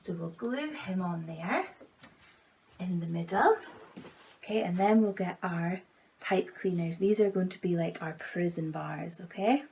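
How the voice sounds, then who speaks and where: A woman's voice: on the low side, measured pace, vocal fry, a little mellow. A woman giving a step-by-step craft tutorial, talking simply and in a friendly way to children. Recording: faint background noise.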